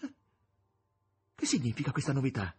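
A man's voice: mid-range voice, huge pitch swings, normal speed, a little mellow, husky, full character voice. A man voicing a weary, bitter male writer, speaking with ironic resignation. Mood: resigned.

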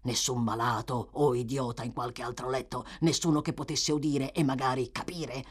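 A woman reading an audiobook voices a grim, suspicious man who speaks gruffly and hoarsely, wary of those around him. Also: rumbling low, steady tone, normal speed.

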